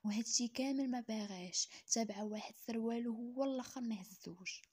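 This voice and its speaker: A woman's voice: on the high side, quick pace, darkish tone, husky. Woman voicing a harsh scolding Moroccan mother. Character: harsh, domineering mother forcing her daughter to marry.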